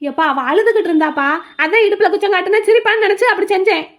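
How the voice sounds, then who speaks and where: A woman's voice: extremely high pitch, very fast, fairly bright tone. A woman voicing a sheepish young husband in a cartoon, pleading and apologetic.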